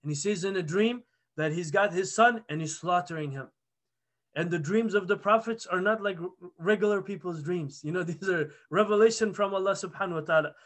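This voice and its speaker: Speaking briskly in a high-pitched voice, a man in his thirties leads a halaqa, earnestly telling the story of a prophet and frequently starting over. This storytelling religious lesson is captured on a webcam video call from a plain room indoors.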